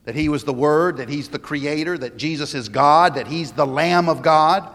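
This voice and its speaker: A man preaching a sermon in a church, emphatic, pausing and restarting his sentences. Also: a little high, fairly bright tone, big-room sound. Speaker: pastor.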